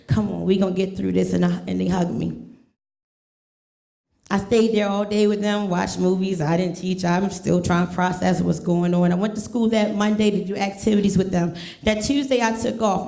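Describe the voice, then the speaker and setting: A woman's voice: mid-range voice, a little mellow. A woman teacher telling a personal story on stage, earnest and emphatic, leaning on repeated refrains. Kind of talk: live storytelling. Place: museum event hall with audience. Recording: echoey room.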